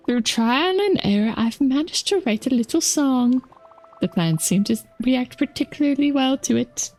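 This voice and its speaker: A woman reading game dialogue aloud as a gentle old grandmotherly woman who teaches gardening, in a kindly storybook manner. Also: on the high side, gravelly.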